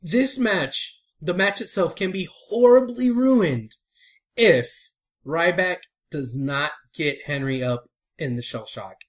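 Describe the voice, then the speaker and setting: A man co-hosting a casual podcast, talking fast and laughing a lot as he teases his partner. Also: fairly high pitch. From Houston area. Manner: animated, laughs a lot, teasing. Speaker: podcast co-host.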